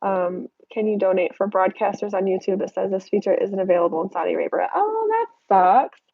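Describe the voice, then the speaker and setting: Reading comments aloud at her home desk, this young American woman chats candidly through a casual live stream Q&A, nasal and stuffed up from allergies. She talks fast in a level, mid-range voice with vocal fry, and the audio is dull with no echo.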